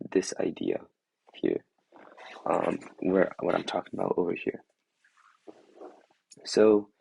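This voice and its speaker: A young man, hoarse after losing his voice, giving a casual chemistry review and rambling with lots of "like" and "um" as he thinks aloud. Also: fairly low pitch, dark tone, dry recording, rough recording. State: hoarse from a lost voice. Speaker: student tutor. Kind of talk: casual chemistry review over a drawing screen.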